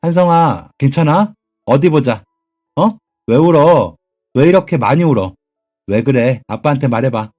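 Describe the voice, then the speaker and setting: A man's voice: medium pitch, expressive, a little slow, a little mellow, soft background music. A man doing a quarrelsome father. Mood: worried. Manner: caring to his son, combative to the mother.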